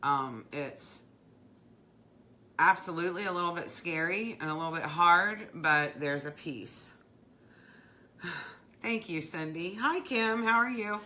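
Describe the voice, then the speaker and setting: A woman's voice: low voice, slow, pauses often, pushed and bright. A middle-aged woman hosting a craft livestream, talking in a heartfelt, rambling way with many fillers and restarts. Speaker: craft business owner, livestream host. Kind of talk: casual live-stream chat.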